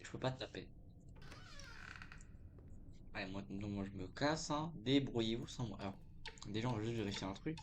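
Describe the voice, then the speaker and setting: A man's voice: fairly low pitch, moderate pace, long pauses, slight background noise. A man giving casual gameplay commentary, talking informally, half to himself. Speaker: gamer, let's play host. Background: loud music.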